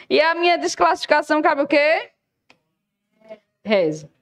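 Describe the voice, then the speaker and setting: A woman with a high, bright voice gives a law lesson for exam prep. She is lively and keeps questioning her students, then answers the questions herself. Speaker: law teacher.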